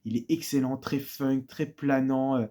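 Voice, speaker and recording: Guy casually talking about his records, lots of ums and restarts, kinda mellow dark voice. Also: mid-range voice, fairly even intonation, measured pace. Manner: hesitant, many fillers and restarts. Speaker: vlogger presenting records and books. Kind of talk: casual chat.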